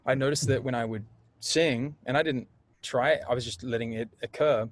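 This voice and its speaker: A man, a singer and voice coach, chatting as an interview guest and telling stories in a lively way, acting out the voices he quotes. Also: mid-range voice, fairly quick. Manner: animated storyteller, acts out quoted voices. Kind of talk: casual conversational interview.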